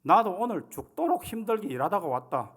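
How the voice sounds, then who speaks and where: A man's voice: sits high, very animated, a little fast, pitched above the performer's own voice, full character voice. A man voicing a blunt, grumpy husband who snaps back in a Gyeongsang accent. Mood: grumbling. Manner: gruff, snapping back in dialect.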